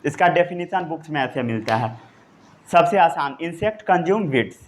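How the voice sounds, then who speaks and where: A man teaches a science class in Hindi. He says the key terms slowly and repeats them, as if dictating notes. He checks often that his students are following. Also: on the high side, lively intonation, slight background noise. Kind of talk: classroom lecture.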